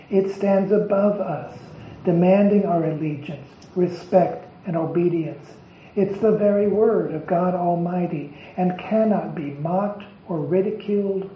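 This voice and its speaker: Slow, high-voiced man preaching in echo. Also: slight background noise. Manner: emphatic, deliberate listing of phrases. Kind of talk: devotional sermon. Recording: echoey, dull lo-fi recording.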